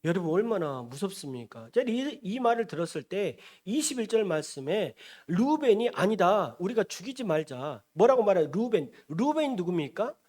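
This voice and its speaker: A male pastor preaching in a church, his pitch swinging widely from phrase to phrase. He tells the story with lots of animation, jumping into the characters' voices as he goes. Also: normal speed, hardly any pauses. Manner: animated, acts out the characters he describes. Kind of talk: storytelling sermon.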